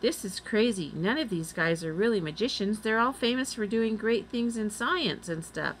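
A woman's voice: medium pitch, expressive, moderate pace, a little hiss or hum, pitched above the performer's own voice, natural voice, poor audio. A woman reading the part of a young boy in a storybook, earnest and a little anxious.

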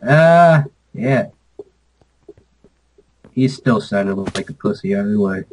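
A man's voice: fairly low pitch, expressive, takes it slowly, a little mellow, rough recording. A young man chatting casually and bluntly while gaming over a call, teasing and swearing.

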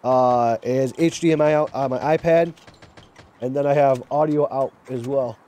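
A man live-streaming a mobile shooter, chatting casually and excitedly urging his viewers, often repeating himself. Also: medium pitch, moderate pace.

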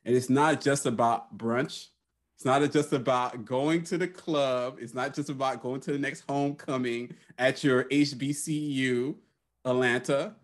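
Playful male co-host raised in Haiti, mid-range voice, teasing and quick to laugh. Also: mid-range voice, steady tone. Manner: joking, teasing, laughs often. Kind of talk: casual podcast banter.

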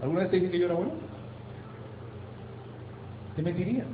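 A man preaching as pastor, emphatic, asking rhetorical questions and slowing down for effect. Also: sits high, echoey room, narrow, tinny audio, slight background noise. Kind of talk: sermon. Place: church sanctuary.

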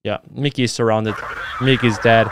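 A young man hosting YouTube reactions gives casual, exclamatory, sweary commentary from his home gaming room into a close desk microphone on a boom arm. His mid-range voice is steady and brisk, and the recording is very noisy.

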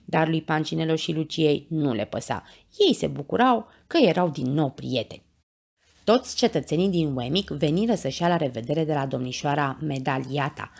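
A woman reading a bedtime story to children in a low, husky voice. She narrates expressively, and her pitch moves widely with a gravelly edge. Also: animated, a little mellow.

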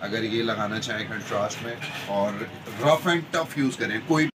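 A man running a bag shop, pitching products and prices, mixing in English numbers. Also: moderate pace, crowd noise. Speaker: shopkeeper. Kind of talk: sales pitch. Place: busy bag shop in a mall. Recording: noisy shop floor. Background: shop ambience.

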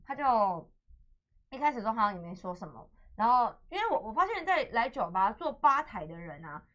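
A woman's voice: a little high, a little fast, highs cut off. A young woman with a Taiwanese Mandarin accent, hosting a radio chat and telling stories with acted-out dialogue and laughter. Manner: animated storyteller, acts out dialogue, laughs often. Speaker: radio host. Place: radio studio.

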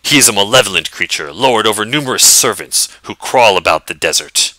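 A man's voice: fairly low pitch, lively intonation, fairly quick, sharp tone, no room sound. A man voicing a boastful mercenary baron who speaks bluntly and proudly.

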